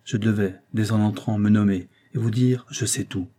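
A man reading as a courteous gentleman. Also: fairly low pitch, steady tone, moderate pace, lightly acted. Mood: earnest. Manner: courteous, firm and insistent. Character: wealthy gracious male gentleman, older suitor. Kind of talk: audiobook character reading.

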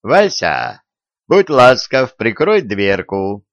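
A man voicing a huge wolf with a slow, mocking drawl in an audiobook. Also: medium pitch, wildly swooping pitch, dry recording, lo-fi sound, exaggerated voice.

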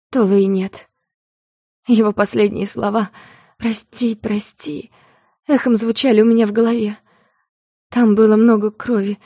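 A woman narrating a dramatic first-person story in a soft, low, intimate way, as an audiobook reader. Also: breathy edge, dry recording, clean studio sound.

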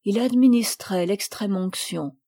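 A woman's voice: medium pitch, mellow. Woman reading a classic novel aloud. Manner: clear, measured reading with spoken notes. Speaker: audiobook reader. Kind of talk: scripted narration of a classic novel.

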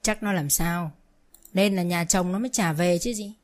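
A woman's voice: lowish voice, moderate pace, lightly acted. A woman voicing spiteful village gossips who make snide remarks in a drawling way in a told story.

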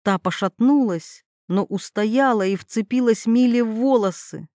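A woman's voice: fairly high pitch, measured pace, warm tone, no room sound, studio quality. A woman narrating a dramatic story as an audiobook reader.

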